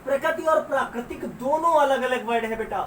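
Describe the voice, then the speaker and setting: A woman's voice: high voice, brisk, far from the mic. A woman teaching a school science class. She asks her students questions, answers them herself and stretches out key words. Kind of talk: classroom lesson. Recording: roomy sound with faint noise, away from the mic.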